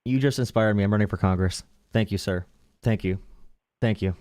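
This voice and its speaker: A male host of a live call-in show, teasing and talking over a caller in a rapid, mocking way. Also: on the low side, darkish tone, clean tone, dry recording, clean studio sound. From Pennsylvania.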